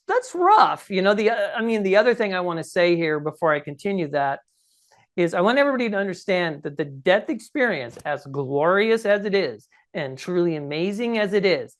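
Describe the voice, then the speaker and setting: Recounting his personal experience as an interview guest on a podcast, a scratchy-voiced man in his sixties speaks high-pitched and very animated at a moderate pace. He tells the story emphatically and conversationally, regularly tossing in "okay?" and "right?".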